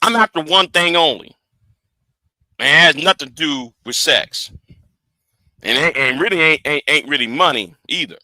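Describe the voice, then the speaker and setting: A man's voice: fairly high pitch, animated, normal speed, long pauses, pushed and bright, no room sound. A man in his forties hosting a livestream, talking heatedly to his audience, stammering and repeating words as he defends himself. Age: 40s. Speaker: livestream host.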